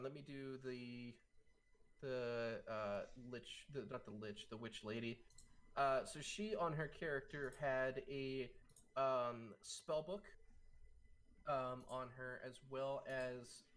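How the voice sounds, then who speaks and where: A man running a casual tabletop game as game master, speaking haltingly as he searches for words. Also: mid-range voice, fairly bright tone.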